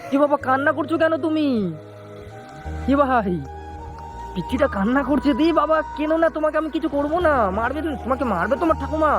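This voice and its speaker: A man vlogging in the street, gently coaxing and soothing a small child while making emotional asides to a friend. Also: very high-pitched, fast. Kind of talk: street vlog talking to a child. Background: music.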